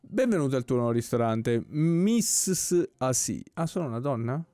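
A man giving casual let's-play commentary, relaxed and puzzled, with joking asides about what happens on screen. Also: medium pitch, fast talker, no room sound. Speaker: gameplay commentator. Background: soft game music.

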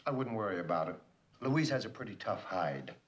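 An actor playing a wry, sarcastic middle-aged man in a 1970s sitcom, with a sardonic, quick delivery. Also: fairly low pitch, very animated, highs cut off. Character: wry middle-aged boss, sarcastic toward his wife. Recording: hissy old TV soundtrack.

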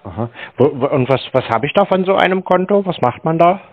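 Posing as naive, a man pranking scam call centres asks insistent questions in a chatty phone conversation. He speaks fairly quickly in a slightly high voice with lively intonation, and the call audio is a bit dull and lo-fi.

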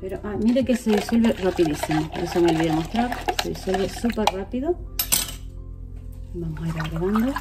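A vlogger with a medium-pitched voice speaks at normal speed while making liquid soap in her home kitchen. She's casual and chatty, talking straight to viewers as she works, with background music playing.

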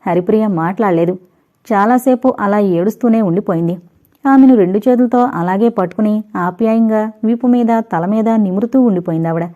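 A woman narrating a novel in a steady, even storytelling manner. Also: mid-range voice, fairly quick. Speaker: audiobook narrator. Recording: dull lo-fi recording.

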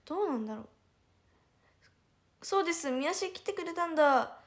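A high-voiced young woman speaks with a Hiroshima lilt. She hosts a relaxed livestream and chats and giggles as she reads out and answers viewers' comments. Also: normal speed. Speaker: idol livestreamer. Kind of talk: casual livestream chat reading viewer comments.

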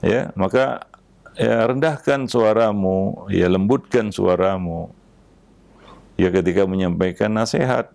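A man giving a religious lecture on raising children, unhurried and measured, with an Indonesian accent, often dropping a soft "ya" between phrases. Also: on the low side, gravelly, dry recording. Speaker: Islamic preacher.

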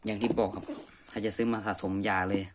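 This fast-talking man delivers his thoughts flatly in a fairly low voice. It's a casual, unscripted review chat, with him thinking aloud in a messy room at home. Noise is clearly audible in the amateur recording.

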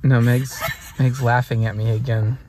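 A man of average pitch talks casually and playfully, making jokes as he films. He is inside a parked car, with a faint hum of noise behind him. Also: flat delivery, normal speed. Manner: playful, joking. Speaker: vlogger. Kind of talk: casual chat.

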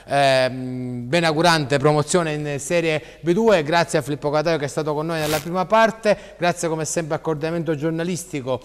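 A man hosts a live TV sports show in a casual style. His voice sits fairly high and, with the long echo of a studio around it. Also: steady tone, normal speed, hardly any pauses, a little hiss or hum. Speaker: sports talk show host. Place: TV studio with hard reverberant acoustics. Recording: echoey studio hall sound.

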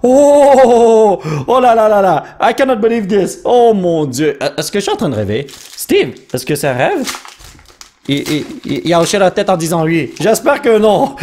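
A young man with a Quebec French accent who chats excitedly and casually while hosting a card-opening video. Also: high voice. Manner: excitable, chatty, slangy. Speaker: host.

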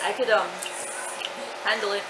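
A woman's voice: mid-range voice, fairly even intonation, normal speed. A young woman in casual, giggly, teasing banter as she reacts to eating gross jelly beans. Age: young adult. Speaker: challenge vlogger. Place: home kitchen area, indoors. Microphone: camera or webcam at arm's length. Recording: roomy, noisy home camera audio.

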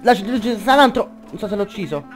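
A young man doing excitable gameplay commentary, swearing a lot and shouting in bursts. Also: high voice, very fast, faint music behind. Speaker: gaming YouTuber.

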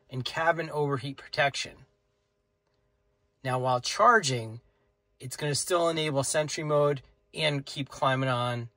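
Filming himself on a phone at arm's length inside a parked car, a middle-aged man explains car features plainly and matter-of-factly in a casual tech vlog. His voice is fairly high, bright and forceful, with no echo.

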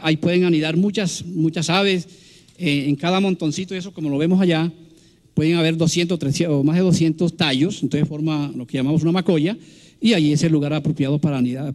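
A man, a biologist giving a public science lecture over slides, explaining in a halting way with fillers and restarts. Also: a little high, a little mellow. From Colombia. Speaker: biologist guest speaker. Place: large public event hall.

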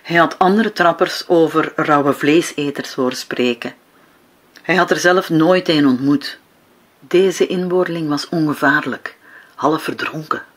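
A woman narrating an audiobook in an unhurried, measured reading voice. She lets the sentences settle with slow pauses and keeps a steady, even delivery throughout. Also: low voice. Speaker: author reading her own book.

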